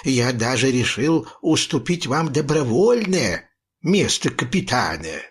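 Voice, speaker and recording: A man voicing a sly, hoarse pirate who speaks with oily, mock politeness in a storybook reading. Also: medium pitch, sing-song, measured pace.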